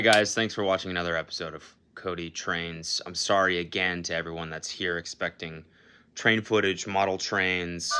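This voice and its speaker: Young male vlogger, lowish bright voice, loose and joking, swears freely. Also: smooth. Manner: casual, swears freely, self-mocking, laughs often. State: out of breath after a run. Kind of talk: casual training vlog.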